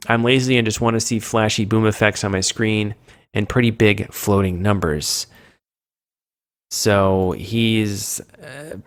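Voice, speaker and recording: A man with a cold hosting a casual gaming chat, rambling and poking fun at himself as he loses his train of thought. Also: fairly low pitch. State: sick with a cold. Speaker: gaming show host.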